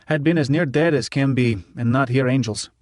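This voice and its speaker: A man's voice: mid-range voice, normal speed, a little mellow, no room sound, studio quality. Clipped male audiobook narrator. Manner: clipped first-person telling with dropped articles. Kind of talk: scripted narration.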